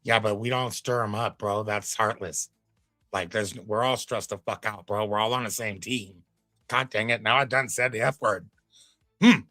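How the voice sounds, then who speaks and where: A man's voice: lowish voice, normal speed, sharp tone, no room sound, soft background music. A man giving casual commentary on a clip as a reaction streamer, chatty and laid-back with preachy asides.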